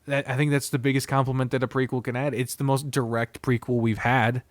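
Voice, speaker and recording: A mid-range male voice with little pitch movement talks a little fast, with no echo, as he hosts an unscripted visual novel review. He is casual, blunt and expressive, swearing frequently and rambling in asides.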